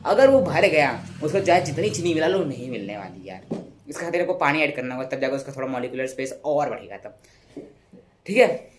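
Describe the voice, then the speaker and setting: A man's voice: mid-range voice, very animated, brisk, a little hiss or hum. A young man explaining science in a casual, chatty way, repeating words, correcting himself and making little sound effects. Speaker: teacher.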